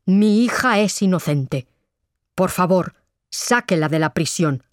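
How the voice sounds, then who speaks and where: A woman's voice: lowish voice, lively intonation, slow, dry recording, clean studio sound. A woman voicing a determined, protective middle-aged father in a read-aloud story, speaking insistently. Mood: earnest.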